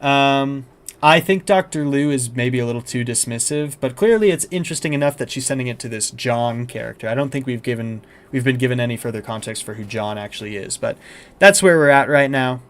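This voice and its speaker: A young man talking casually on a live stream, chatty and easygoing as he reads out chat messages between clips. His voice sits at an ordinary middle pitch, spoken into a desk mic at his computer. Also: brisk, slight background noise. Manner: chatty, reads chat and script aloud, frequent fillers. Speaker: streamer reacting to horror videos.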